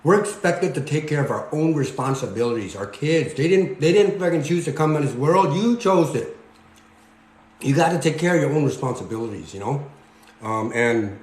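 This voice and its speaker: A man's voice: mid-range voice, darkish tone, reverberant. A man in his forties, born in Cambodia, giving a preachy motivational talk while he cooks, repeating "okay?" and "you guys". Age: 40s. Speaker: fitness vlogger. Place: home kitchen.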